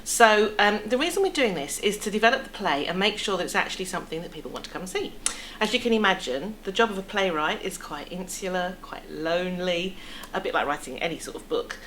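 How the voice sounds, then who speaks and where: A woman's voice: fairly low pitch, lively intonation, brisk, fairly bright tone. Chatty English woman over room noise. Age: middle-aged. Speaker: theatre producer being interviewed. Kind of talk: casual interview, explaining. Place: indoor theatre foyer cafe seating area. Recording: clear background room noise.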